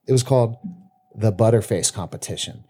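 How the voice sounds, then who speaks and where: Male co-host, mellow low timbre, rambling and profane, halting delivery. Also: husky. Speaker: podcast co-host. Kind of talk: casual chat.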